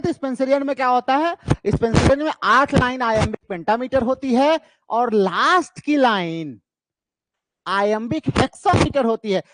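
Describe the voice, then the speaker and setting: A man's voice: extremely high pitch, no room sound. A man teaching an exam-prep lecture who keeps asking questions and answering them himself, repeating key terms for emphasis. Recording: noisy background.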